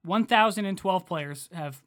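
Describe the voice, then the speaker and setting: A man with a fairly high-pitched voice co-hosts a relaxed sports podcast. He talks in an easygoing, chatty way, reading numbers aloud with frequent fillers. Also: unhurried. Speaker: podcast co-host. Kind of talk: casual sports podcast chat.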